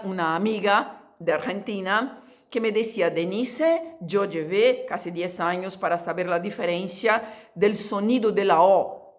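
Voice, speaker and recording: A woman, teaching Spanish in a lively, chatty video lesson, drawing out sounds to demonstrate them. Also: mid-range voice.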